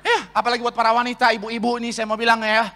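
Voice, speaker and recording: A male pastor delivers a sermon in a big church hall, lively and playful as he calls out to the congregation. His voice is high and bright. A long reverb hangs in the room after each line. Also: very fast.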